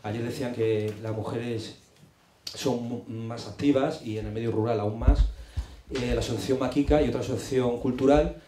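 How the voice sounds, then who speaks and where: A man's voice: medium pitch, fairly even intonation, normal speed, echoey room, crowd noise. A middle-aged man from Madrid giving a chatty, self-deprecating presentation at a rural culture forum into a handheld mic. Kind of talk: conference presentation. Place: meeting room, indoors.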